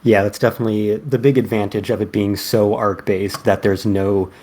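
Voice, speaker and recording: A man on a fan podcast panel, chatting in an agreeable, measured way. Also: fairly low pitch, flat delivery, darkish tone. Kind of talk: casual chat.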